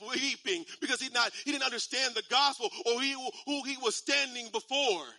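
A man in his thirties preaching a sermon in a conversational style, repeating phrases and using casual slang, building up to shouts. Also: extremely high pitch, normal speed, dry recording. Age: 30s. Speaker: pastor.

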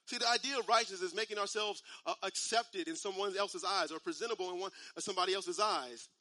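A man in his thirties preaching a sermon in a conversational style, repeating phrases and using casual slang, building up to shouts. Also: high voice, fast talker, no room sound. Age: 30s. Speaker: pastor.

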